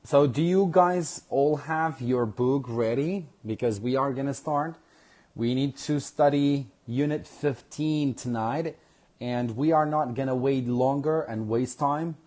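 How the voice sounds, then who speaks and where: A man teaching a live online English class, drawing words out slowly for pronunciation and checking in with "all right?". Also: mid-range voice, darkish tone. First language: Kurdish. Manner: slow, drawn-out pronunciation drills with frequent "all right?" checks.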